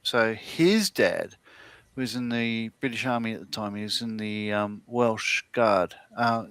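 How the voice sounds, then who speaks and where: A man's voice: fairly low pitch, measured pace, fairly bright tone, smooth, no room sound. A middle-aged Australian man co-hosting a livestream, chatting casually and telling rambling stories with lots of fillers and restarts. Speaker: livestream co-host. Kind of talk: casual chat.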